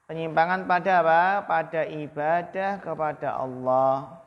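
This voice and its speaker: Slow, high-voiced Indonesian male teacher. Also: fairly even intonation, in a large hall, dull audio. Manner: slow, drawn-out recitation of Arabic phrases, then quick Indonesian questions. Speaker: Arabic grammar teacher. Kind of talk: classroom lesson, calling on students.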